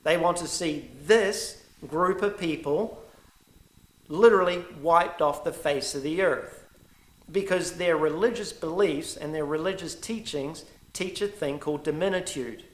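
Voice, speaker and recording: A middle-aged man with a New Zealand accent talks straight to his viewers in an indignant, emphatic monologue that wanders into asides. His voice sits a little high for a man. The room around him is echoey and reverberant. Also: unhurried. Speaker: vlogger. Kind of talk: direct-to-camera opinion monologue.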